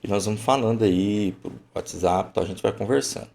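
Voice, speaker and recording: Man, online lesson teacher, deep gravelly voice, emphatic and unhurried. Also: darkish tone. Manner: emphatic and colloquial, thinks aloud.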